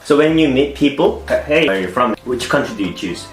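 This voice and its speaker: A man's voice: mid-range voice, expressive, fairly quick. A man hosting a casual interview who asks curious questions and jokes around. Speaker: interviewer host. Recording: roomy echo with music behind.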